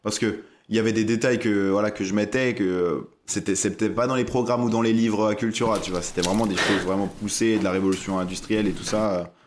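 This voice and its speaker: A man's voice: fairly low pitch, steady tone, fairly quick, hardly any pauses, a little hiss or hum. A young man co-hosting a podcast, chatting casually with slang and joking advice. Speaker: podcast co-host. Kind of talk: casual chat.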